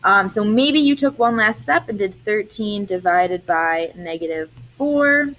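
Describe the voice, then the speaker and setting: A woman's voice: medium pitch, animated, a little slow, a bit bright. A young adult woman, a math teacher, explaining algebra step by step in a chatty recorded lesson.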